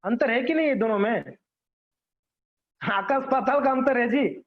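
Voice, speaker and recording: Captured on a dull lo-fi recording, a man teaches a devotional class in a conversational style. He checks in with listeners frequently and acts out examples, speaking at a measured pace in a very high-pitched voice.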